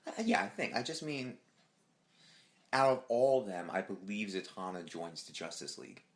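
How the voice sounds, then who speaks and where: Deep-voiced excitable podcast co-host man. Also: normal speed. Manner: excitable, swears freely, acts out quotes. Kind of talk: casual podcast chat.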